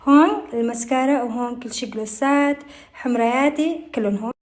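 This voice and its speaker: Quick, high-voiced Levantine woman vlogging. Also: slight background noise. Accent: Levantine Arabic. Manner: chatty, fast and playful, often trailing off softly. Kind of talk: casual vlog talk to camera.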